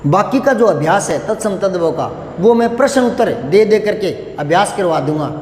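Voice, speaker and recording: A male Hindi teacher leading a vocabulary lesson, reciting word pairs over and over in a steady, rhythmic drill. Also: high voice, normal speed, roomy sound.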